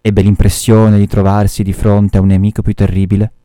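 Deep-voiced male teacher reading a novel aloud, mellow tone, dry sound. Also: little pitch movement, smooth, no echo. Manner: measured storytelling with short explanations.

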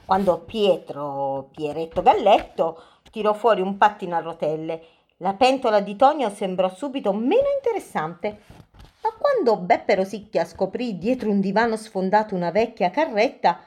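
A woman hosting and reading a children's story aloud in a lively, playful, sing-song way. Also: medium pitch, normal speed. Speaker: storyteller host.

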